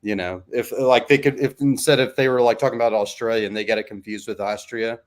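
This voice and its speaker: A man co-hosting a wrestling podcast in casual chat, halting and rambling with frequent restarts. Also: mid-range voice, fairly even intonation. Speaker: podcast co-host.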